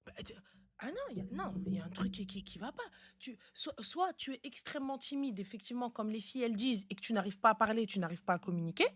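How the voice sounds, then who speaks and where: A woman with a slightly high, slightly rough voice talks fast with lively intonation. Hosting a casual live stream with relationship advice, she speaks bluntly and insistently, often repeating words to drive her point home.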